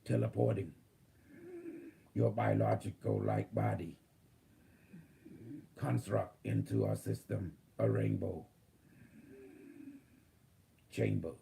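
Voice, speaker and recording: A man voicing a calm future AI healer that speaks in slow, gentle machine announcements. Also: lowish voice, vocal fry, a little hiss or hum, heavily acted. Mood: robotic, caring. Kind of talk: spiritual channeling session.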